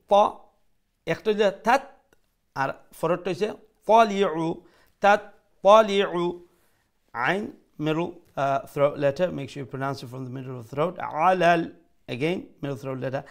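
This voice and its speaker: A man teaching Quran recitation, modelling each word slowly and switching into English to explain. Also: a little high. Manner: slow, deliberate, repeats words to model pronunciation, mixes English into explanations. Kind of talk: tajweed lesson, letter-by-letter.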